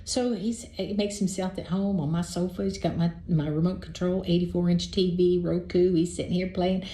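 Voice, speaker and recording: A woman with a lowish, mellow voice tells a personal dating story in a chatty, exasperated way, stumbling and restarting as she goes. The recording sounds roomy, with a noticeable echo around her. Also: fairly even intonation, normal speed. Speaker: storyteller sharing a dating experience.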